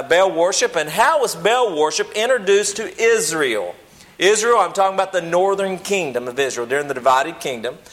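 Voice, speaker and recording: A man's voice: a little high, a bit bright. A man preaching a Bible lesson to a church group in a folksy, plain-spoken, humble way, often rephrasing as he goes. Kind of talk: sermon, teaching a church group.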